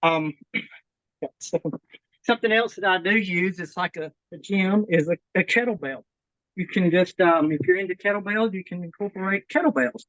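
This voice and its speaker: A woman's voice: on the low side, normal speed, a bit bright, no echo, lo-fi sound. A woman leading a workout on a video call, slightly out of breath, encouraging and repeating that people should keep it simple. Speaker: fitness instructor. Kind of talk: workout demonstration and advice.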